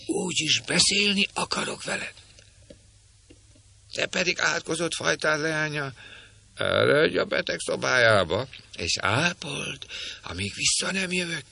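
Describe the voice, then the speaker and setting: A man's voice: fairly high pitch, sing-song, creaky, bright, forceful tone, no echo, voice pushed up, heavily acted. A man voicing a cackling old woman jailer with a screeching voice, read as part of an audiobook. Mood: mocking.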